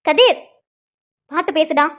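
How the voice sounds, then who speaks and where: A woman's voice: sits high, animated, unhurried. A woman voicing an affectionate elder sister who deflects and hesitates when questioned, in a cartoon. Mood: evasive. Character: tender, evasive elder sister. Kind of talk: cartoon voice acting.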